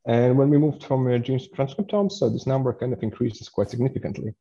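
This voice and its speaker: A man's voice: mid-range voice, fast talker, dark tone, dull audio. Man lecturing over a webinar. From Latvia. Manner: hesitant, many fillers and restarts while explaining.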